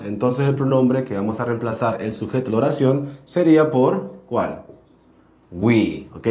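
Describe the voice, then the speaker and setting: A man teaching a basic English grammar lesson, slowly reading example sentences aloud and explaining each step. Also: medium pitch, darkish tone, reverberant.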